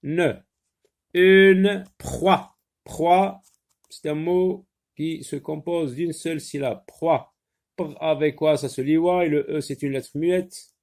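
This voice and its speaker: A man teaching a spelling lesson, slowly sounding words out and spelling them letter by letter. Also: a little high, steady tone, dark tone.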